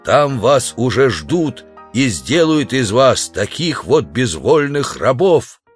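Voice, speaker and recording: A man's voice: mid-range voice, big pitch swings, takes it slowly, breathy edge, faint music behind, heavily acted. A man reading an audiobook, voicing a bold, cocky savage who declaims his accusations. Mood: defiant. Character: naked, bold sword-wielding savage man.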